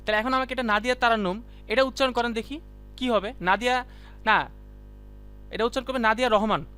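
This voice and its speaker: A high-pitched man with a bright, sharp tone teaching a live class. He talks casually and keeps calling on students to answer. Soft music plays faintly behind him. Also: fairly even intonation, fast, clean tone. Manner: chatty, quizzes students by name; colloquial, keeps saying "done" and "see". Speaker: ICT teacher.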